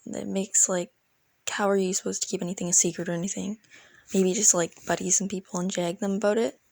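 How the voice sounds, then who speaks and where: Brisk and flat, with vocal fry and a slightly mellow medium-pitched voice, a storytelling video creator recounts a rambling tale about an online roleplay game. Her youthful, slangy storytime is recorded with no room sound.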